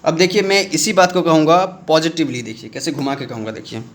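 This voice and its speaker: A man teaching a commerce lesson on video. He explains with everyday examples, calls his viewers friends, and acts out student questions in a lower voice. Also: expressive, a little fast. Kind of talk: video lecture.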